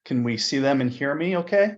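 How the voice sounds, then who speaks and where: A male physician giving a webinar talk with slides, chatty and relaxed, sometimes repeating words. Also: mid-range voice, fairly quick, dull audio. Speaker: physician presenter at a medical webinar. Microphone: video call.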